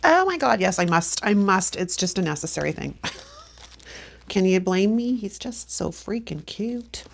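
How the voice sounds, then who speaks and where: A medium-pitched, creaky voice with big pitch swings and a slightly slow pace, recorded with a little hiss or hum. The speaker, a planner vlogger in her fifties, sniffles from allergies while casually decorating her planner, laughing often and talking to herself for viewers.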